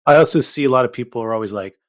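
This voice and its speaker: A man's voice: medium pitch, racing. A man hosting a podcast, asking casual interview questions in a hesitant, roundabout way.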